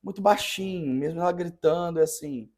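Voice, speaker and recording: A man who is a parish priest, telling a story in a podcast conversation with an earnest, halting manner and many restarts. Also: fairly high pitch, a little mellow.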